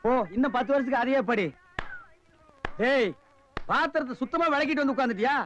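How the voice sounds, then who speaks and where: An actor playing a sharp-tongued, mocking man who scolds and insults others in a film comedy scene, with sarcastic delivery. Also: extremely high pitch, a little fast, a little hiss or hum. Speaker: comic film character.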